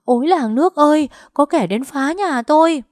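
A woman voicing a frightened old mother who cries out for help in shrill wails. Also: lively intonation, moderate pace, a little mellow, no echo, clean studio sound. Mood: wailing. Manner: shrill wailing.

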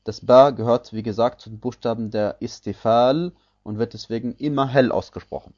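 A man gives a recorded tajweed lesson, explaining each rule step by step and repeating example words with care. His voice is mellow and dark. The audio is muffled and lo-fi. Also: medium pitch, fairly even intonation. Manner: slow, methodical explanation with repeated spoken examples. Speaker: Quran recitation teacher.

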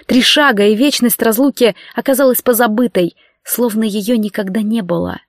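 A woman narrating an audiobook in calm, expressive storytelling. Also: a little high, moderate pace, no room sound, studio quality. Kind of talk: scripted narration.

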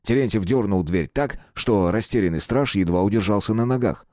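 A man narrating an audiobook with expressive storytelling. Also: fairly low pitch, fairly quick, dry recording, clean studio sound. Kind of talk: scripted narration.

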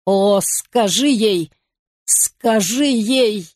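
A woman voicing an agitated young man in love who pleads and raves in excited bursts. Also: medium pitch, extremely slow, no room sound, studio quality.

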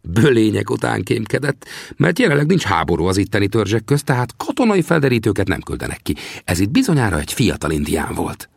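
A man's voice: on the low side, sing-song, gravelly, slightly rough, dry recording, studio quality, voice pushed up, full character voice. A man voicing a teasing old male frontier trapper in an audiobook, with a mocking, cackling manner.

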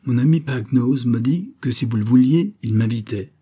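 For an audiobook, a man performs a playful, lively little girl with an English accent, lifting his voice high and eager. His pace is moderate, the sound slightly rough, and the acting light.

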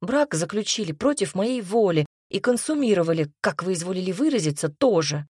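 A woman's voice: on the low side, animated, brisk, a little mellow, breathy edge, no echo. A woman voicing a proud young noblewoman mage who answers with dry, caustic retorts.

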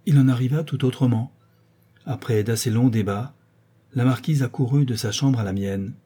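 A man reading a classic novel aloud, with a dark, mellow tone and a husky grain. His delivery is expressive and measured, at an ordinary pitch for a man. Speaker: audiobook narrator. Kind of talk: literary audiobook narration.

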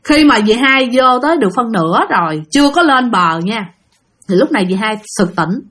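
High-voiced woman telling ghost stories. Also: lively intonation, normal speed, a bit bright. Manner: chatty, addresses listeners directly, repeats words for effect. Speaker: storyteller. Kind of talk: spoken ghost-story narration.

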